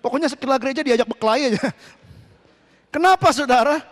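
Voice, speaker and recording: High-voiced pastor shouting in a reverberant hall. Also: male voice, fast. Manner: preaching with sudden shouts, mixing in English phrases. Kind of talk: sermon. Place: church hall. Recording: long church hall reverb.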